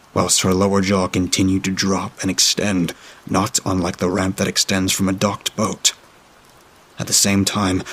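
A man reading a horror story aloud in a dry, steady storytelling manner. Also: sits low, husky. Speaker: narrator.

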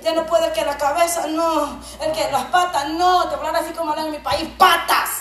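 A woman giving a fervent sermon testimony, going from quiet storytelling to shouted preaching. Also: high voice, steady tone, brisk, noisy background. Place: church hall. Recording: echoey church PA from far off. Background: music and congregation.

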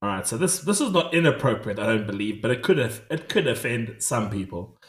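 A man's voice: medium pitch, lively intonation, a little fast. A man with a Scottish accent hosting a podcast with casual, joking banter, recorded with an echoey room sound. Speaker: podcast host. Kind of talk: casual banter and corny jokes.

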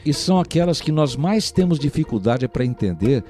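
A man's voice: on the high side, sing-song, brisk, warm tone, soft background music. A man with a Brazilian Portuguese accent giving a recorded language lesson, explaining patiently and often checking in with the listener. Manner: patient, explanatory, keeps asking "né?". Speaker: language teacher.

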